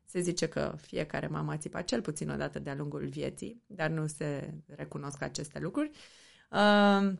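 A woman's voice: sits low, fairly even intonation, creaky. A woman from Romania, a mother, talking earnestly and reflectively as an interview guest. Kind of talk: candid interview talk.

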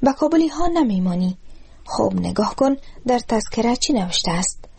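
A woman's voice: fairly high pitch, animated, vocal fry, dark tone, a little hiss or hum. A woman with an Afghan Dari accent voicing a rude, bullying young armed militiaman in a story reading. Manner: barking, contemptuous.

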